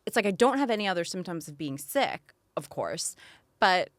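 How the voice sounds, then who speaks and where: A woman's voice: fairly low pitch, big pitch swings, moderate pace, no room sound. A woman chatting casually and informally in a meandering, sweary way, her voice slightly off from a sore, strained throat. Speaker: podcast guest, singer. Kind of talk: casual chat.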